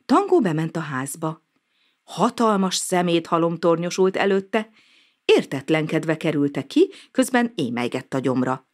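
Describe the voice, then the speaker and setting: A woman narrating a children's storybook aloud in an expressive, sing-song manner. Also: sits low.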